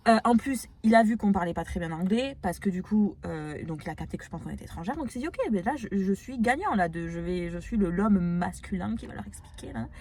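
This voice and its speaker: Woman vlogger, quick indignant storyteller, light background hum. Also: medium pitch. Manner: animated, indignant retelling with laughs. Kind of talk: casual storytelling.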